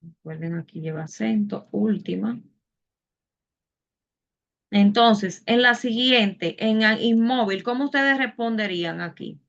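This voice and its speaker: A woman teacher talking a class through a lesson with patience, going step by step and stopping to quiz her students. Her voice sits at an ordinary middle pitch. The sound is a little dull and lo-fi, as on a video call. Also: unhurried, gravelly, long pauses, fairly bright tone. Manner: patient, explains step by step with questions. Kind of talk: online Spanish class.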